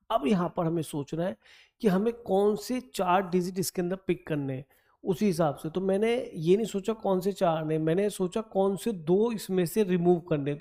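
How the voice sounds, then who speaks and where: A man teaches maths, working through an exam problem on a board step by step and coaxing his students along in mixed speech. He calls them beta and thinks aloud while counting. His voice is high and mellow.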